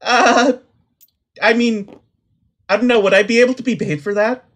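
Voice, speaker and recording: A man's voice: very high voice, fairly even intonation, normal speed, a bit bright, pitched above the performer's own voice. A man voicing a nervous fourteen-year-old secretary in a tabletop game, hesitant, stammering, earnest and deferential. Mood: nervous, unsure.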